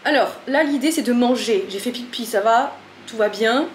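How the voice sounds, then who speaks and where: A chatty woman with a slightly high voice talks through a casual home vlog, frazzled and self-mocking. She is recorded in an echoey kitchen with a faint hum of room noise behind her. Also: normal speed. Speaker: vlogger.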